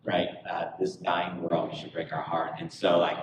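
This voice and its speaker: A man's voice: deep voice, completely flat delivery, measured pace, slight background noise. A man who serves as a church's student director, speaking in an earnest, preacherly way. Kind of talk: earnest ministry talk. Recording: echoey room from a distant mic.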